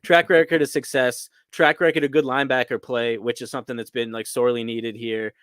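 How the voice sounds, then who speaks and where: Easygoing guy from scranton on a sports podcast, smooth clear voice, dry mic. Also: mid-range voice, little pitch movement, a little fast, a bit bright, no echo. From Scranton, Pennsylvania. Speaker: podcast co-host. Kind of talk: casual sports talk.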